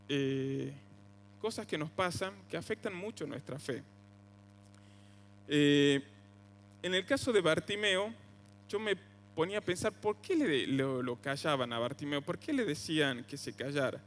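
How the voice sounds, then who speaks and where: A young Argentine preacher speaks in a fairly high voice, talking through his sermon like a conversation and leaping higher when he quotes a cry. The sound carries a long church-hall reverb, with a faint hum underneath. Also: a bit bright. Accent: Argentine Spanish (voseo). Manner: conversational preaching, rises sharply on quoted cries.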